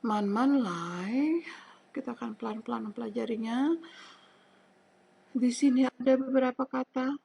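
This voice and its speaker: A woman teaching a beginner language lesson, speaking slowly and patiently and drawing out example syllables. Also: a little high, vocal fry, dark tone, slightly rough. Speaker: Mandarin teacher.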